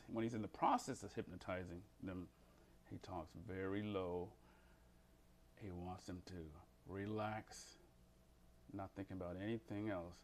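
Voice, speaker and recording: Emphatic male self-help counselor. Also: a little hiss or hum. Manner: emphatic and animated, swinging to a slow, low, calm voice for his hypnosis examples. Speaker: behavior change counselor. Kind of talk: motivational self-help talk.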